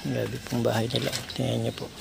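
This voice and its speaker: Gravelly man coaxing in a vlog. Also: medium pitch, completely flat delivery, brisk, heavy background noise. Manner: coaxing, repeats short prompts. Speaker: vlogger visiting a needy family. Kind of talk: casual vlog talk.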